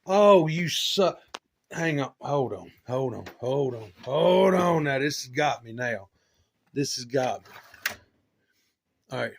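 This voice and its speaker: A middle-aged man hosting a casual chat in his home hobby shop, excitable and swearing a lot as he exclaims over things. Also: medium pitch, measured pace, long pauses, a little hiss or hum. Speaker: channel host.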